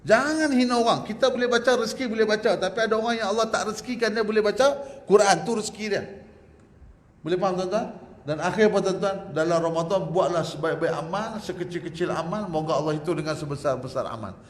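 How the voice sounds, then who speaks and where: A man preaching a religious lecture in a mosque prayer hall. He is lively and joking, often asks the audience to agree with him, and ends with a prayer. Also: sits high, fast talker. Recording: echoey hall with faint background hum.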